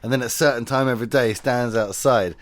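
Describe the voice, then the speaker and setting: A man's voice: medium pitch, fast talker, no echo. A man guesting on a casual podcast over beers, telling stories with lots of swearing and sung snippets. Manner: animated storytelling, swears, sings bits.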